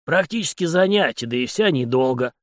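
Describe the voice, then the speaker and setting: A man's voice: a little high, animated, brisk, no room sound, clean studio sound, natural voice. Folksy old sergeant, modest and plain, as a man reads him. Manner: homely, folksy. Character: modest plain-spoken older male sergeant.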